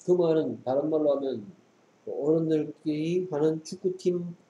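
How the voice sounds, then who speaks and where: This male English teacher speaks at normal speed with a somewhat high, dark voice and fairly even intonation, and the sound is lo-fi. During the tutoring lesson he reads sentences out, explains them and asks his student short questions, in an echoey room with faint background noise.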